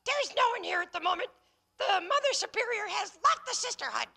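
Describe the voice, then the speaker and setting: An actress playing a flustered nun who heads a convent, stammering evasive excuses in a TV comedy sketch. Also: female voice, very high voice, very animated, brisk, gravelly, bright, forceful tone, exaggerated voice. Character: flustered nun, head of a convent, dodging a visitor.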